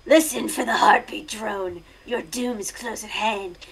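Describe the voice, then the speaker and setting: A whispered role-play of an eerie storyteller, as a woman puts her on. She stretches every word out slowly and ominously. Her voice drags with a gravelly crackle. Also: medium pitch, fairly even intonation, crowd noise, pitched below the performer's own voice. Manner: slow, ominous, rasping delivery. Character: creepy female storyteller reciting a dark poem.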